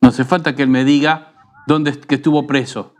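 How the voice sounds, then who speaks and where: Argentine pastor teaching in an unhurried tone. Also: male voice, mid-range voice, little pitch movement. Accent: Rioplatense Spanish. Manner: unhurried, teaching tone with frequent rhetorical tag questions. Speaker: pastor and radio program host. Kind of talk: conversational preaching.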